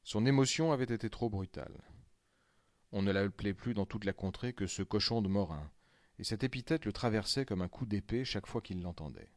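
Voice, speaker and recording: A man narrating a classic story aloud in a measured, deadpan reading. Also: on the low side, dry recording, clean studio sound.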